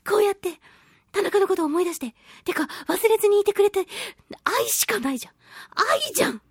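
A very high-pitched woman speaks a little fast with lively intonation while hosting a solo radio show. She reads listener mail in a chatty, giggly way, reacting aloud, gushing playfully and pleading with exaggeration, all in a dry, studio-quality recording.

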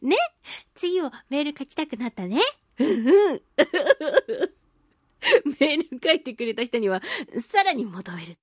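This radio talk show host, a voice actress, has a high, girlish pitch and widely bouncing intonation. She works through listener mail alone, chatting playfully and tossing out expressive exclamations, and the sound is dry with no echo from the room.

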